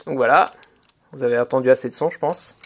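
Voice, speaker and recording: A man's voice: medium pitch, fast. A man giving a hands-on toy review, explaining step by step with many hesitations and fillers while he handles the toy. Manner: hesitant, filler-heavy explaining, "donc voilà".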